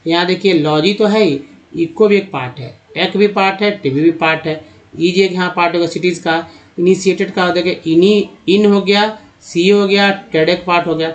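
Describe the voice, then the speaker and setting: A man with a slightly high voice gives a Hindi-language phonics lesson. He spells out letter groups one after another and repeats each sound in a steady, patient way. The recording sounds dull and lo-fi. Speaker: English reading teacher.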